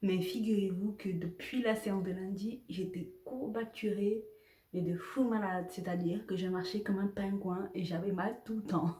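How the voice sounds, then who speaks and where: A woman's voice: medium pitch, steady tone, moderate pace, mellow. Chatty woman vlogging in an echoey room. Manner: chatty, laughs often, swears casually. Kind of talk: casual vlog chat to camera. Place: at home. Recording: roomy echoey home recording.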